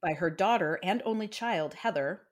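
Speaking at normal speed in a lowish voice, this Iowan podcast co-host keeps the true-crime chat casual, poking fun at herself and laughing a lot.

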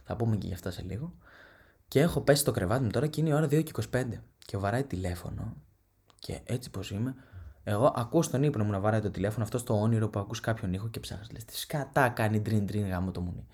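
Husky young man telling comic stories. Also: lowish voice. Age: young adult. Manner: profane, animated, mimics relatives. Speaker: podcast host. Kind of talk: comedic storytelling monologue.

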